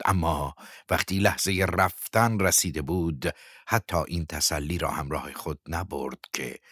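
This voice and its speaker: A man narrating a novel as an audiobook, measured and often dropping to a hushed whisper. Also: low voice, husky, no room sound, clean studio sound.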